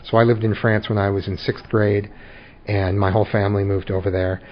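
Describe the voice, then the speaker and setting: A man's voice: lowish voice, flat delivery, a little fast. Man hosting a school podcast, dull sound. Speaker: school district superintendent, podcast host. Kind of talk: scripted intro, then interviewing guests. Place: alumni room at a high school.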